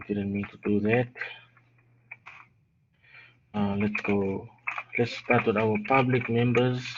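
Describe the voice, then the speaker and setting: Unwell man talking through code slowly. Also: lowish voice. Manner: thinks aloud while typing, restarts and stumbles. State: unwell, yawning. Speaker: programming tutor. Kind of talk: live coding tutorial. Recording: dull lo-fi audio with steady noise.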